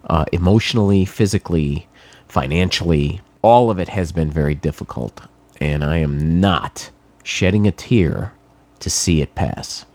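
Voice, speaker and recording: A congested middle-aged man from New England, fighting a cold, rambles casually with wry sarcasm and plenty of fillers. The voice sits low with a darkish tone, lively intonation and a measured pace.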